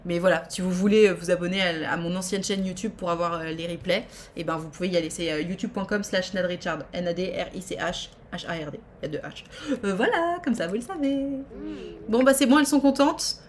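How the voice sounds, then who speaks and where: A woman giving chatty, playful commentary while she streams a life-simulation game. She swings from excited squeals to low muttered asides. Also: a little fast, slight background noise. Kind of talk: casual live game commentary.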